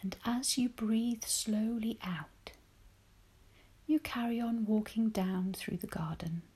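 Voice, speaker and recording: A woman leading a guided relaxation meditation in a soft, breathy spa-like whisper, soothing and gentle, with long pauses. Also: a little high.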